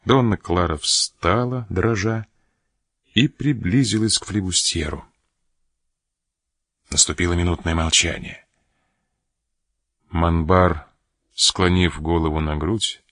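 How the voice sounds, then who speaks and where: A male narrator reads an adventure novel in an even, steady way. His voice is deep and low. The recording is dry and close, with no room sound. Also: no room sound. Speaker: audiobook narrator. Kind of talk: scripted narration.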